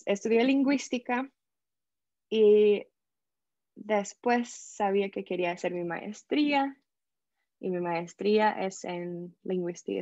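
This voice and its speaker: Here a US woman with an American English accent guests on a podcast, animatedly recounting her story in casual interview style, performing the voices she quotes and mixing English words into her Spanish. She speaks at medium pitch on a dry recording with the highs cut off.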